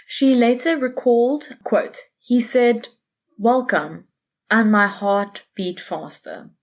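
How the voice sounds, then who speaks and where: A woman's voice: a little high, slow. A woman casually recounting a true case on a podcast, chatty and self-correcting, laughing easily. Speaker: podcast co-host presenting a case. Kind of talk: casual conversational storytelling.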